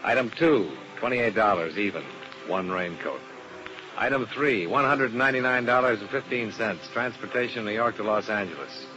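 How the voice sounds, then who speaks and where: A man's voice: on the low side, moderate pace, natural voice. Johnny Dollar, a man playing the dry investigator. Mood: matter-of-fact. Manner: dry, laconic, matter-of-fact. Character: wisecracking male insurance investigator, dry and unflappable. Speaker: lead detective and narrator. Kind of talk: 1950s radio drama acting. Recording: muffled old radio broadcast with music.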